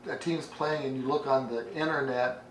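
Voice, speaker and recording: A man's voice: medium pitch, fairly even intonation, moderate pace, reverberant, distant mic, a little hiss or hum, rough recording. A man hosting a morning interview show, asking loose, rambling questions.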